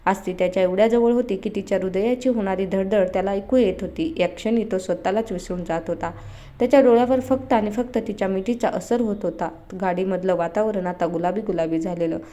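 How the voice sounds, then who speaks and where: Woman narrating a romance story, mellow voice. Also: medium pitch, a little fast.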